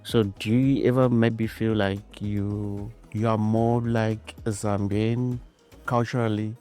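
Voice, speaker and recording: Guy hosting a podcast chat, lowish mellow voice, lots of ums and "i see"s. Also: little pitch movement, slow pace, soft background music. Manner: hesitant, fills with "um", repeats "I see". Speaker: podcast host. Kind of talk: casual interview.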